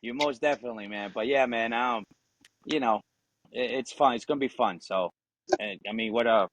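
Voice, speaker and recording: A man's voice: medium pitch, normal speed, fairly bright tone, poor audio. A man in his forties from Ecuador, a Spanish speaker and Marine veteran, chatting casually as a podcast guest with lots of fillers and some swearing. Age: 40s. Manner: easygoing, swears, leans on fillers. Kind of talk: casual chat.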